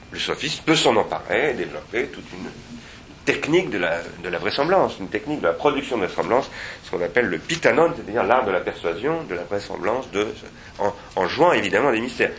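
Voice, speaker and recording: Low, bright-toned man giving a seminar talk. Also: very animated, fairly quick, slight background noise. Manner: digressive and reflective, with many hesitations and restarts. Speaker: philosopher speaking at a seminar.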